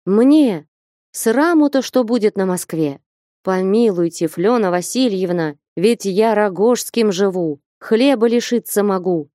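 Woman narrator voicing a fearful, plaintive man begging for mercy; warm tone, dry close mic. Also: lowish voice, animated, measured pace, no room sound. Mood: pleading. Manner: pleading, plaintive. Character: timid pleading man, nervous and fearful. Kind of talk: audiobook character reading.

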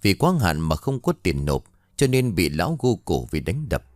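A male storyteller reads a folk horror tale with dramatic flair. His voice is low and his pitch moves freely, and the recording is dry and close with no room sound. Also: sing-song, normal speed, dry recording.

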